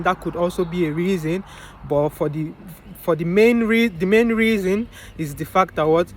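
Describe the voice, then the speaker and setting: With a little hiss or hum in the recording, a young man whose voice runs on the high side preaches motivation in a casual monologue. He's a vlogger who asks rhetorical questions, answers them, and calls the listener "bro" and "man."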